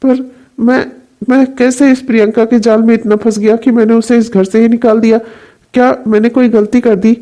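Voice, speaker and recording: A woman's voice: fairly high pitch, fairly even intonation, moderate pace, close to an everyday voice. A woman doing a torn, hot-tempered young husband. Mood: regretful. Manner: brooding, then shouting in anger. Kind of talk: cartoon voice acting.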